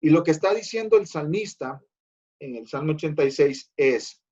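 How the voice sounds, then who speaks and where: A man's voice: fairly high pitch, animated, normal speed, darkish tone, muffled recording. A man preaching a Bible study as pastor, earnest and repeating phrases for emphasis, addressing listeners as his brothers.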